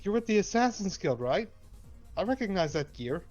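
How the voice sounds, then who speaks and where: A man's voice: sits high, sing-song, moderate pace, a little mellow, dull audio, soft background music, pitched above the performer's own voice. A man voicing a panicky young female pickpocket who pleads frantically in a tabletop game. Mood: wary.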